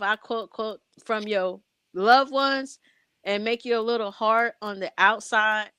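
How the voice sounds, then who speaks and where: A woman's voice: medium pitch, a bit bright, clean tone, dry recording. A woman co-hosts a radio talk show in a casual, reflective way. She laughs often between points. Her voice sounds dry and close. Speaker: radio co-host and music director.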